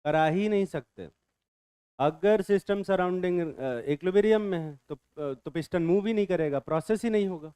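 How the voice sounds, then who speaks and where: A man's voice: high voice, moderate pace, warm tone, smooth, no room sound. A male chemistry teacher, lecturing a class in a bantering way, quizzing students and answering his own questions.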